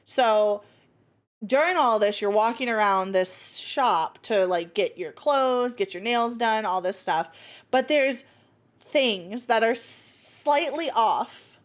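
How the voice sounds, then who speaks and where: A woman's voice: a little high, expressive, takes it slowly. A woman streamer chatting casually and expressively as she reacts to a video, with swearing mixed in.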